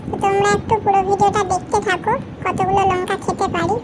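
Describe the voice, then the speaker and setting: Woman vlogger over very loud background noise. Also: extremely high pitch, little pitch movement, quick pace. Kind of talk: casual food challenge vlog.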